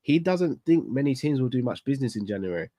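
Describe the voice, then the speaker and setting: A football fan channel host, congested from a cold, runs a live fan stream from a small studio set dressed in club decor. His medium-pitched voice is sing-song, fast and dark in tone, with no echo. The chat is candid and casual as he thinks aloud and tosses out rhetorical questions.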